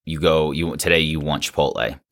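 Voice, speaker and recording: A man's voice: rumbling low, steady tone, fairly quick, a bit bright. A man co-hosting a casual business podcast, talking loosely with plenty of "like" fillers. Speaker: podcast co-host.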